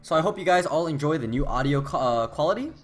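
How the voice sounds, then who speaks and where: A male commentator calls a video game match on his own in a loose, rambling way, swearing casually and breaking into excited shouts. His pitch swings widely and sounds lively. His voice is tired and his throat is dry. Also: fast talker. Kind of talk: casual esports play-by-play commentary. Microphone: new desktop microphone.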